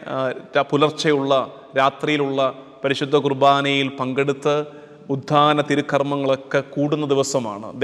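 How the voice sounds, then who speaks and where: A man's voice: mid-range voice, fairly bright tone, big-room sound. A man, a priest, gives an earnest Easter sermon, repeating key phrases and asking rhetorical questions.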